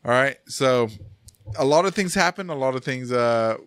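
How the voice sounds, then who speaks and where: A man's voice: medium pitch, animated, normal speed, fairly bright tone, clean tone, dry recording, studio quality. A man hosting a casual podcast chat, laughing often and tripping over his words. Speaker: podcast host.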